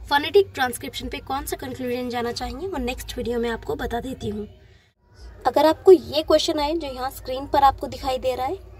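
Female tutor with a high pitch, walking students through slides patiently and repeating key points. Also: darkish tone. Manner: patient, repeats points, mixes in English terms. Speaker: teacher. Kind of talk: exam-prep lesson explaining slides.

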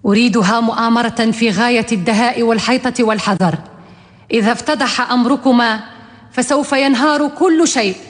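An actress playing a jealous, scheming rich wife in a historical radio drama, formal, theatrical and menacing. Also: female voice, fairly high pitch, brisk, close to an everyday voice. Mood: conspiratorial. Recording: long hall reverb.

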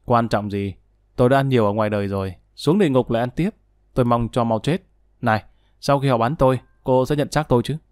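A man's voice: mid-range voice, fast talker, darkish tone, no room sound, close to an everyday voice. A condemned killer waiting to be shot, gloomy and self-pitying, as a male storyteller plays him. The voice sits in the narrator's own mid-range, read dry and close to the mic. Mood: bleak. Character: condemned male murderer, remorseful and bleak.

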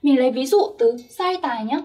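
High-voiced young woman teaching grammar. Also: expressive, moderate pace, mellow, recorded from a distance. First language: Vietnamese. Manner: patient, checks in with listeners often. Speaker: Korean language teacher. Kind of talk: explaining grammar step by step.

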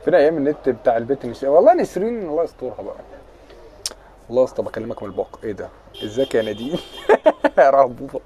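A man's voice: mid-range voice, animated, racing, warm tone, a little hiss or hum. A young man with an Egyptian accent chatting on a casual live stream, answering viewer comments in a joking, teasing way. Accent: Egyptian Arabic.

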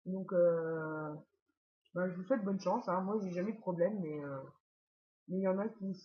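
A woman's voice: fairly low pitch, normal speed, dull audio. A woman hosting a casual tutorial, chatty and full of fillers and asides. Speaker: YouTube tutorial host. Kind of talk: casual screen-walkthrough tutorial.

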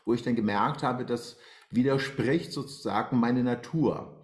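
Speaking at a measured pace in a mid-range voice, a man in his forties from Iran shares his personal history in a video-call interview. He's hesitant and full of fillers, and his bright home room gives the audio an echo.

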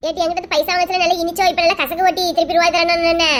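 A woman's voice: extremely high pitch, flat delivery, very fast, a bit bright. A woman playing a blunt old female moneylender with a Kanyakumari Tamil accent, nagging a borrower for her money. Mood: nagging demanding.

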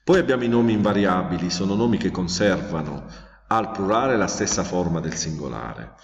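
A man's voice: deep voice, expressive, fairly quick. A man teaching a grammar lesson in a methodical way, with frequent hesitations while he lists examples. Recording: echoey, distant, dull lo-fi sound.

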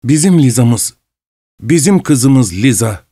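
A man voicing an excitable, fawning middle-aged husband who talks with ingratiating emotion, in an audiobook. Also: medium pitch, moderate pace, pitched above the performer's own voice, lightly acted. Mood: excited, fawning.

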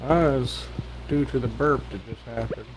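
A man's voice: medium pitch, steady tone, normal speed, slight background noise, rough recording. A man hosting a let's play, chatting casually and joking with a friend while he plays. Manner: joking, playful banter. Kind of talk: casual gaming chat.

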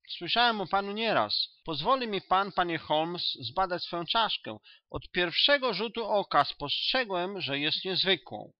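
A man voicing an eager, excitable young country doctor in a storybook reading, with a high, gushing delivery. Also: no echo. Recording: dull, dry audiobook recording.

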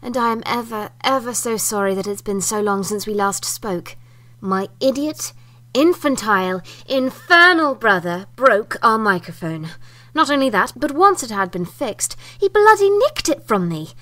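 A woman's voice: a little high, lively intonation, moderate pace, fairly bright tone. A woman voicing a prim, theatrical young sister who speaks genteelly and with exasperation. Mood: exasperated.

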